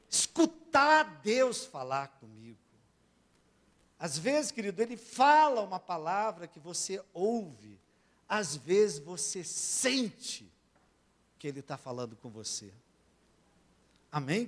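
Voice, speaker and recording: A high-pitched man preaches slowly and deliberately, as a pastor giving a sermon in church. He drops to near-whispers, then climbs loud again, and keeps calling on his listeners to say amen. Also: sing-song. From Brazil. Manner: keeps asking the congregation for amens, swings between soft and loud.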